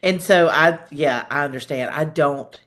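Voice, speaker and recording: A woman hosting a casual podcast interview. Her voice is very low for a woman, and she backs her guest up warmly with quick sassy asides. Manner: warm, affirming, sassy asides. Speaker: podcast host. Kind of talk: casual chat.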